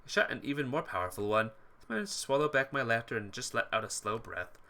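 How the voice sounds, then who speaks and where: With game music in the background, a fast-talking man narrates visual novel text in a dramatised way, sometimes fumbling words and repeating them. His voice sits in the mid range, animated and sharp.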